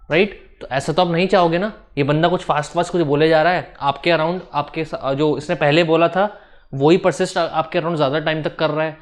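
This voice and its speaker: A man with an Indian accent teaching a physics class online, explaining in Hindi mixed with English, often checking if students follow and slowing down to dictate definitions. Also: on the high side.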